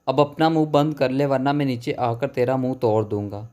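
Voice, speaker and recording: A man's voice: mid-range voice, level tone, darkish tone, close to an everyday voice. A man doing a hot-tempered young lad in a storybook. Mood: angry. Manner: blustering then stammering. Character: scared, hot-tempered young male cricket friend.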